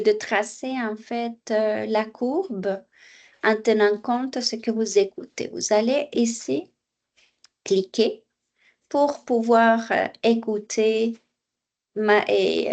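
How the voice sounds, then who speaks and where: A woman teaching French at an unhurried, deliberate pace. She explains exercises patiently, repeats each phrase and now and then slips into for her students. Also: on the high side, fairly even intonation, darkish tone. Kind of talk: online language lesson, explaining exercises.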